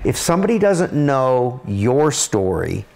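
A man's voice: medium pitch, sing-song, a little slow, creaky, darkish tone, slight background noise. A man hosting a talk show, asking a guest to share her story in an encouraging way. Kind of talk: interview questions. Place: large wood-beamed studio loft set.

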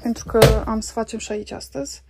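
A Romanian woman in her thirties, a family vlogger, narrates a casual clean-with-me video indoors at home, filmed on her phone camera, chatting as she does chores and pausing often with fillers. Her voice is slightly high with fairly even intonation, and the audio is very noisy.

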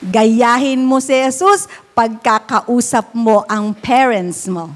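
A woman preaching a sermon to a congregation, animated and conversational, often slipping into English phrases. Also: fairly high pitch, slow, long reverb tail.

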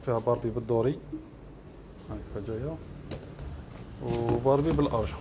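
Algerian man selling shoes, quick patter, mid pitch, clear shop noise behind. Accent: Algerian Arabic. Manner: rattles off prices and colors in a list. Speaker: shop seller. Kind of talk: product showcase livestream. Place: shoe shop.

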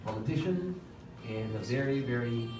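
A young man acting as master of ceremonies at a formal award ceremony, politely calling people up with many hesitant pauses. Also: medium pitch, expressive. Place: hotel function room, at a lectern. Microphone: lectern microphone, filmed from far off. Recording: roomy far-off hall sound with music. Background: background music.

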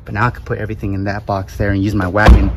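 Amid heavy noise, a low-voiced man rattles off rapid-fire vlog talk to camera as he loads gear into a vehicle outside. Playful and energetic, he pumps himself up while discussing his photo booth business.

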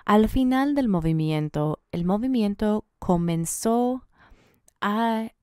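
On a conference-room panel, a woman from Colorado in her sixties holds a handheld mic and talks bluntly and emphatically, posing rising rhetorical questions. Her mid-range voice has lively intonation, a slow pace and a slightly mellow, clean tone. The recording is dry and of studio quality.

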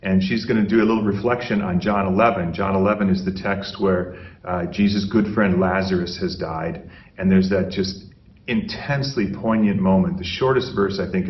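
A man with a very low voice introduces the next speaker during an online worship service, earnest and reflective. He is heard from a distance in a roomy space. The sound is dull, with faint background noise. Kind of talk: sermon introduction.

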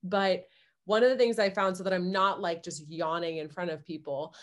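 A woman's voice: fairly low pitch, fairly even intonation, normal speed. A young woman guest in a casual chat, eagerly explaining things step by step.

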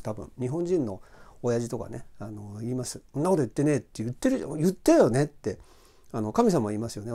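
A man's voice: medium pitch, warm tone. A middle-aged man hosting a casual Bible talk, chatting loosely with many fillers and asides. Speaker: host of a Bible talk channel.

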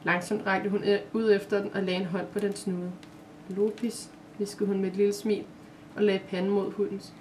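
A woman's voice: medium pitch, little pitch movement, darkish tone, far from the mic, a little hiss or hum. A woman, the author, reading her own story aloud in a plain voice, with small slips and self-corrections.

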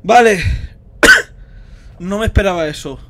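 A young man from Spain with a Spanish accent, streaming a horror game live, often panicking and screaming with rapid repeated words. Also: high voice, expressive, pushed and bright.

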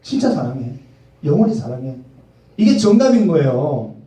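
A man's voice: a little high, very animated, moderate pace, warm tone, distant mic. A man in his forties preaching a sermon to a youth service in a conversational way, asking the congregation questions and acting out quoted lines. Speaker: pastor. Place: church hall. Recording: echoey hall, mic from afar.

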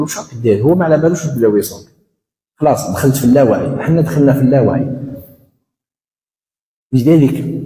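An Algerian man delivers a religious talk at a brisk clip, turning his points into small acted-out exchanges. His voice is dark and mellow, and it carries through a roomy hall with a long reverb tail. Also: medium pitch. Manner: quick, animated, acts out little dialogues. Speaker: educational counselor. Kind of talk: religious lecture in dialect.

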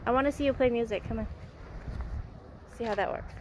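A woman's voice: fairly high pitch, brisk, a little hiss or hum. A woman vlogging at an outdoor playground on a handheld camera, describing what she sees and coaxing her child to play. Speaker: vlogger filming her kids. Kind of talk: casual vlog narration.

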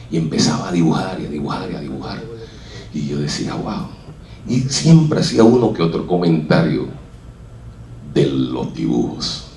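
Low-voiced puerto rican guy telling his story on stage, echoey room. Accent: Puerto Rican Spanish. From Puerto Rico. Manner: animated storyteller, acts out what others said. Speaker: speaker at a talk. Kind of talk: personal storytelling talk. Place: stage in a hall with an audience. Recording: echoey hall, voice from a distance.

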